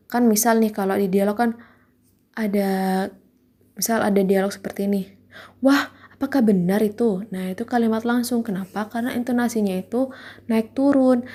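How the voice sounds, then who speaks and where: A woman teacher explaining a class lesson step by step, often pausing on "nah" and reading examples aloud. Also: medium pitch, dark tone.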